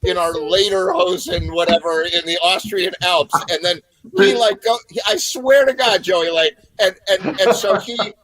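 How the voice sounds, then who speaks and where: A man's voice: high voice, unhurried, hardly any pauses, a bit bright, dry recording, low-quality recording. A man hosting a casual online music show, chatting and telling a rambling story. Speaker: host. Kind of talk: casual video-call chat.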